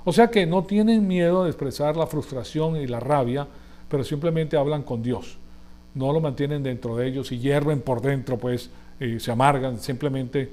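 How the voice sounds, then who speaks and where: A man's voice: medium pitch, moderate pace, dark tone. A man preaching a sermon in a conversational way, reading scripture aloud and often asking his listeners rhetorical questions.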